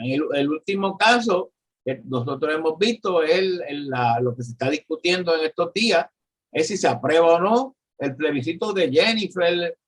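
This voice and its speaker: A man in his seventies with a Puerto Rican accent, talking earnestly in a political discussion and often pausing to find his words. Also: a little high, breathy edge. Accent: Puerto Rican Spanish. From Puerto Rico. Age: 70s. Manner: earnest, searching for words, repeats himself. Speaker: guest commentator.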